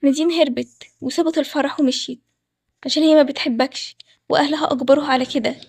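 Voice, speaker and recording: Nervous loyal friend, voiced by a woman, Egyptian, high, quick talker. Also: fairly even intonation, a little mellow, no room sound. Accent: Egyptian Arabic. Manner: hesitant, worried questions.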